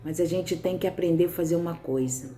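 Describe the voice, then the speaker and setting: A woman's voice: fairly low pitch, fairly quick, very noisy. A woman with a Brazilian Portuguese accent giving a conversational devotional sermon. She keeps checking in with her listeners and answers their comments as she goes. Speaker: preacher.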